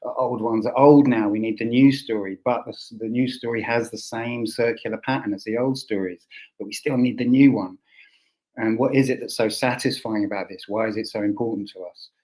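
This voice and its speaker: A man's voice: medium pitch, fairly even intonation, brisk, a little mellow, rough recording. A man with a southern English accent hosting an informal roundtable, thinking aloud and often rephrasing. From Essex, England. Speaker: host.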